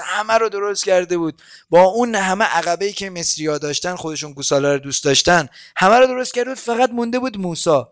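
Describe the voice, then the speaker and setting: A man's voice: high voice, fairly bright tone, dry recording, studio quality. A man preaching a sermon in a conversational, ironic way, full of rhetorical questions.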